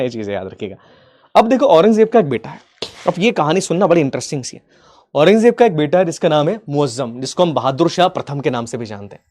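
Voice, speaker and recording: A man teaching history as a story in a casual, affectionate way. He acts out the figures' lines in quick asides and keeps asking his students whether they have understood. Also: on the high side, darkish tone. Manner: keeps checking if students follow, affectionate, addresses them as kids.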